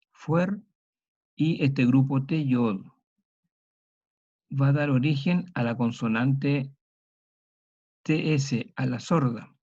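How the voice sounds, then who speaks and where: A man teaching a historical grammar lecture, slow and methodical, spelling out sounds and examples one by one. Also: medium pitch, warm tone. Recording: dull lo-fi recording.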